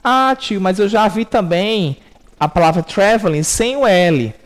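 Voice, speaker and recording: A man's voice: high-pitched, lively intonation, unhurried. A man with a Brazilian accent, an English teacher giving a recorded class lesson, explaining step by step and checking in with frequent "ok?".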